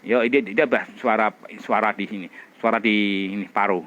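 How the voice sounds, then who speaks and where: A middle-aged man teaching a public speaking class, demonstrating expressions and vocal drills with loud chants and quiet whispers. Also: fairly low pitch, fairly even intonation, normal speed. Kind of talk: energetic training class.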